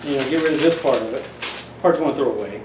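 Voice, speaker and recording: Racing along in a mid-range voice, a middle-aged man gives a casual how-to for parents on helping children learn numbers, restarting phrases as he goes in his folksy style. The sound is echoey and off-mic, with a faint hiss underneath.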